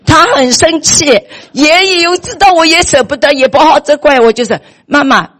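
A middle-aged woman, telling a personal story on her vlog in an animated way, often repeating words and restarting. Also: high-pitched, normal speed. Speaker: vlogger.

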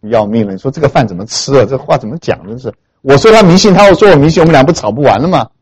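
A man from Hunan, China, preaching a sermon as he tells a story with animated emphasis, often turning to ask his listeners questions. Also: medium pitch, very fast, husky. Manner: animated, emphatic, keeps asking the audience questions.

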